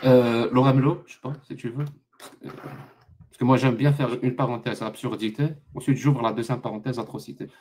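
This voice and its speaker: A man hosting a live online debate, pressing his guest with sarcastic rapid questions. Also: medium pitch, fairly even intonation, darkish tone. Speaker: debate host.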